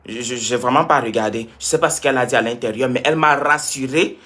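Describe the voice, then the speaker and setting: A man's voice: mid-range voice, quick pace, sharp tone. A young man from Cameroon, talking to his viewers on a live stream, answering comments and repeating points for emphasis. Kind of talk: casual live-stream talk.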